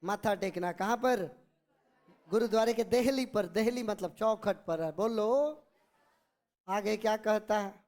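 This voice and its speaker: A man's voice: high-pitched, a little slow, long pauses, a little mellow. A male Hindi teacher with a Bhojpuri accent explains a story line by line. He keeps asking his class short questions. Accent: Bhojpuri-influenced Hindi. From Bihar.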